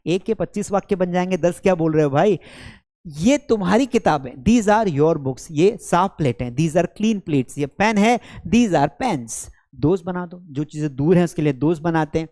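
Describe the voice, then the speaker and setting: A man's voice: on the high side, expressive, measured pace, dark tone. A man teaching spoken English in a classroom at a board, drilling sentence pairs aloud with energy and calling students beta and bhai.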